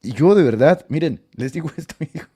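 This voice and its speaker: Northern mexican preacher guy telling stories, keeps chuckling, warm mellow voice. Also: fairly high pitch, animated, brisk, slightly rough. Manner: laughs often while telling stories. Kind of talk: casual storytelling talk.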